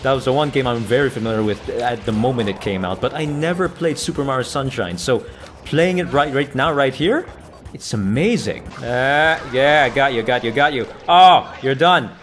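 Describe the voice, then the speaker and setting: A man doing let's play commentary, chatty and breaking into excited yelling at the game. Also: medium pitch, moderate pace, a little hiss or hum. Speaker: gaming YouTuber. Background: faint game music.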